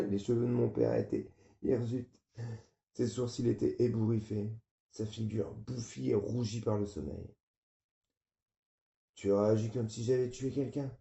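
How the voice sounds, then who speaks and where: A man reading a novel aloud in a flat, weary first-person narration. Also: on the low side, creaky. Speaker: audiobook reader. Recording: muffled, roomy.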